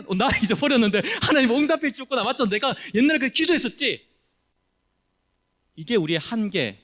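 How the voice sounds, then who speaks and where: A male pastor preaching a sermon, animated, acting out the people he quotes. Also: sits high. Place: church sanctuary.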